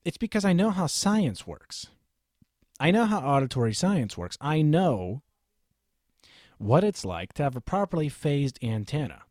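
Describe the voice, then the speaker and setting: A self-assured microphone reviewer in a small home studio gives an opinionated, emphatic, lecturing gear review to camera, his pitch swinging widely from word to word in a sing-song way. He's a little slow and a little mellow. He speaks close to a studio mic, switched during the video, in a dry room without echo.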